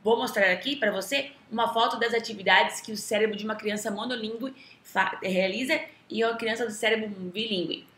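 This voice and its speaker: A woman with a Brazilian Portuguese accent talks casually to the camera as an English teacher, keeping things chatty and tagging her points with quick questioning asides. Her voice is bright and forward. It is recorded in a roomy space with a clear echo. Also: medium pitch. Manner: chatty, often tags sentences with a questioning aside.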